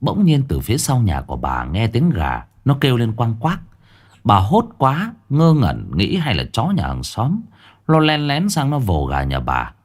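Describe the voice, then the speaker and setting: A man narrating a ghost story in an animated, vivid way. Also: medium pitch, measured pace.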